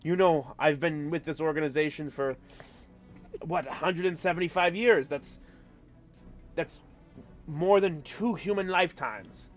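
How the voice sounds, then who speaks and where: A man's voice: fairly high pitch, a little slow, long pauses, highs cut off, pitched above the performer's own voice, natural voice. A man voicing a groveling male elf soldier, pleading and defensive.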